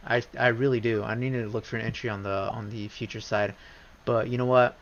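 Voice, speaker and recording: A man hosting a live trading stream, talking casually through charts, rambling with many restarts and bursts of excitement. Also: fairly low pitch, brisk. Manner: rambling, restarts often, gets excited and repeats himself. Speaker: livestream trading host. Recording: slightly dull lo-fi stream audio.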